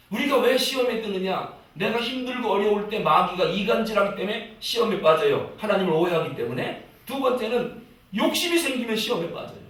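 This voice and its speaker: Brief: middle-aged male preacher with a fairly high voice, lively sermon delivery, recorded from a distance in a very echoey church with faint noise. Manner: animated, mimics pleading prayers. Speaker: pastor. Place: church sanctuary.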